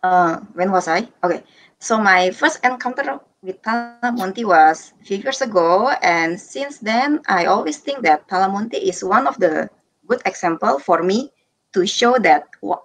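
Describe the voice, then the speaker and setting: A woman's voice: mid-range voice, rough recording. A young woman from Indonesia, a sommelier, chatting casually while tasting wine on a video call. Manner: casual, chatty, informal phrasing. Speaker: sommelier guest.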